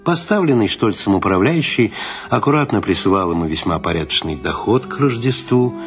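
A male narrator reads a literary text in a calm, measured way. His low voice rises and falls expressively, and music plays clearly underneath him.

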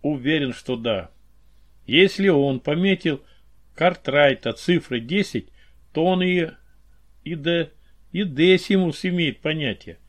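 A man reading the part of a weary male informant who explains things in a measured way, in an audiobook. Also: a little high, animated. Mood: explaining.

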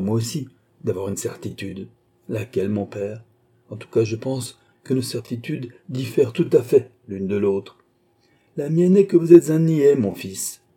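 Man voicing an old nobleman, scornful, mocking, impatient, dark husky voice, audiobook. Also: mid-range voice. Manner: scornful, needling, stamping with temper. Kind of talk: audiobook character reading.

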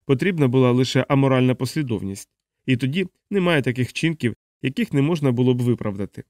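A man reading a novel aloud in steady, even scripted audiobook narration. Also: medium pitch, fast talker, dry recording, clean studio sound.

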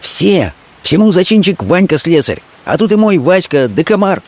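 A man voicing a defiant young street woman, pitched far above his own voice. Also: big pitch swings, moderate pace, a little mellow. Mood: pleading, scornful.

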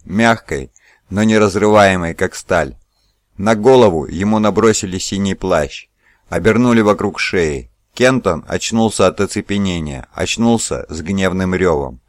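Male narrator, audiobook, low voice, steady measured reading, dry close recording. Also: no echo.

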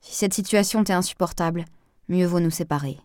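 A woman voicing a reserved divorced man who speaks in a hushed, weary, restrained way, in an audiobook reading. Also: fairly low pitch, fairly quick, dry recording, studio quality, close to an everyday voice.

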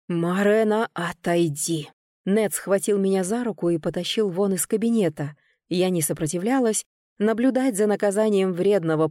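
A woman narrating a novel in the first person with expressive storytelling, close to the microphone. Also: mid-range voice, dry recording. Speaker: audiobook narrator.

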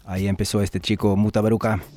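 Casual male radio DJ with a lowish voice, talking over loud reggae music. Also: very fast. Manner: relaxed, informal, with small slips and corrections.

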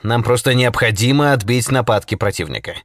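A man voicing a calm, measured male socialist leader. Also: mid-range voice, no echo, studio quality, lightly acted. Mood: composed.

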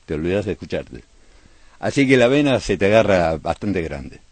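A man's voice: deep voice, very animated, moderate pace, no echo. A man with an Argentine accent, a radio host telling playful football crowd stories in casual chat. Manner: playful, chanting bits of crowd songs in his stories.

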